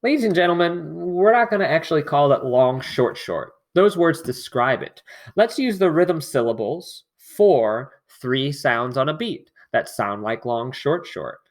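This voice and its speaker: A man's voice: fairly high pitch, expressive, measured pace. A man teaching an online music lesson, explaining patiently and singing rhythm syllables.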